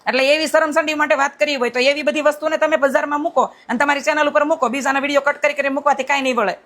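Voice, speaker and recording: A middle-aged woman, speaking straight to her viewers in a blunt, forceful, defiant tone and often checking with them by asking "right?". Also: high voice, steady tone, racing. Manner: repeats rhetorical "right?" checks. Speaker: vlogger addressing critics. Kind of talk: impassioned direct-to-camera monologue.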